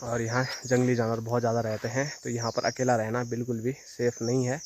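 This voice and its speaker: Man, monotone, casual vlog talk, outdoors, crickets behind. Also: medium pitch, a little fast, background noise. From Himalayan hills of northern India. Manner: chatty, addresses viewers directly. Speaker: village vlogger. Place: outdoors in a forest. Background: insects and rural outdoor sounds.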